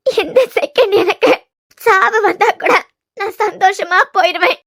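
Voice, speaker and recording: A grieving cartoon mother with a Kanyakumari Tamil accent, pleading over and over through tears, as a woman voices her. Her voice is very high. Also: a little slow, fairly bright tone. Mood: tearful. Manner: pleading, tearful, repetitive. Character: grieving elderly mother begging her lost son's forgiveness. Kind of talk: cartoon web series voice acting.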